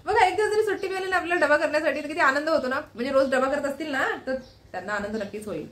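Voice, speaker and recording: A woman's voice: high voice, racing, fairly bright tone. A woman from Maharashtra chatting casually in a home vlog, keeps pointing things out to viewers. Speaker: vlogger.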